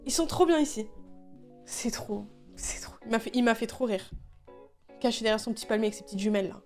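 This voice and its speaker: A young woman with a high voice tells stories on a gaming stream. She is animated and exasperated, swears freely and often breaks into laughter. Faint music plays under her voice. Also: fairly quick. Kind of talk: casual storytelling while gaming.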